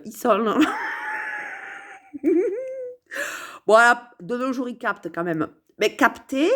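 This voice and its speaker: A woman's voice: fairly high pitch, a bit bright. A woman musing playfully to camera from her sofa at home, meandering with many hesitations and repeated words. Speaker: vlogger. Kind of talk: rambling casual musing to camera.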